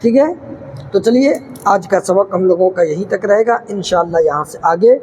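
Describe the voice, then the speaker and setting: A male Quran teacher who explains recitation rules quickly and then recites each word slowly and drawn out. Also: high-pitched, lively intonation, darkish tone, long reverb tail, slight background noise, low-quality recording. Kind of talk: tajweed recitation lesson.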